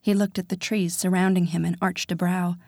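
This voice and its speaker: A woman narrates a first-person romance story in a soft, intimate voice that often sinks to a whisper. Her tone is mellow and breathy, recorded close and dry. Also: fairly low pitch, little pitch movement, a little fast, dry recording. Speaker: audiobook narrator.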